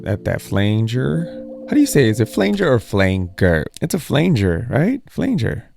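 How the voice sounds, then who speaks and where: A man's voice: medium pitch, normal speed, vocal fry. A man producing a beat, talking casually and thinking aloud as he works. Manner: relaxed, thinking aloud while working. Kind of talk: casual tutorial narration. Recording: loud music playing under voice. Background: loud beat and sample music.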